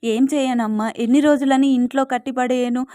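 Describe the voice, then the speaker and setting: A woman's voice: high-pitched, steady tone, a little fast, mellow, no echo, clean studio sound, lightly acted. A woman voicing an older mother who steadies her daughter in a soothing but urgent way.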